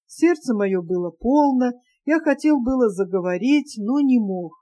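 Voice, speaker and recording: Woman narrating an old novel, mellow dark voice, fairly high. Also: expressive, unhurried. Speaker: audiobook reader. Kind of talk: literary audiobook narration.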